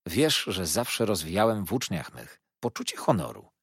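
A man's voice: on the low side, very animated, moderate pace, creaky, fairly bright tone, slightly rough, no echo, studio quality, heavily acted. A man reading the lines of a kindly elderly male scholar who speaks to his former pupil in a fond, coaxing way. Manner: fond, coaxing old teacher's talk.

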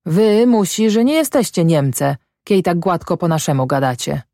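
A woman voicing a gruff but kind middle-aged peasant man in a storybook, with plain folksy speech. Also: lowish voice, animated, moderate pace, mellow, no echo, clean studio sound. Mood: curious.

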